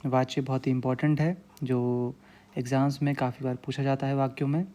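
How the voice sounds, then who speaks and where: Male tutor, grammar lesson; mellow, relaxed timbre, patient and repetitive, checks in often with listeners. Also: mid-range voice, brisk. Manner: frequent check-in phrases. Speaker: teacher.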